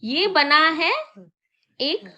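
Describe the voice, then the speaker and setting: Woman teacher for small children: high, bright, slow, patient, repeats and asks questions. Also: highs cut off. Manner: coaxing, repeats words slowly and asks questions. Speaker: primary school Hindi teacher.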